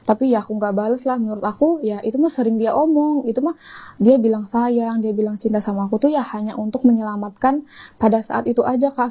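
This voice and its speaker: A young woman telling her own story in an interview, rushing through it and acting out the quoted dialogue. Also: on the high side, lo-fi sound. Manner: fast, animated retelling, acting out quoted dialogue. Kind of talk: emotional personal account.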